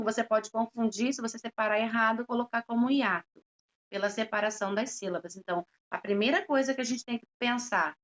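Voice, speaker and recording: This woman teacher's voice is on the high side with a fairly bright tone. She explains a grammar lesson slowly and patiently, elongating syllables and frequently checking in with students, all on a dull, lo-fi recording.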